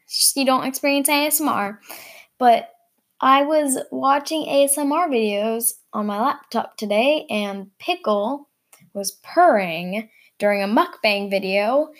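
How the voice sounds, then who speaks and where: A woman's voice: a little high, a little slow. A young woman hosting a casual vlog, chatting in an upbeat, rambling way with lots of fillers. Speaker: vlog host.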